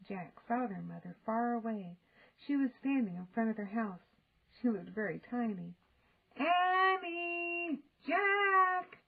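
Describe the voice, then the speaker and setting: An older woman reading a children's story aloud in an expressive, deliberate storytelling manner. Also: mid-range voice, vocal fry, slightly rough, phone-quality sound. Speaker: storybook reader. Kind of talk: expressive children's audiobook narration.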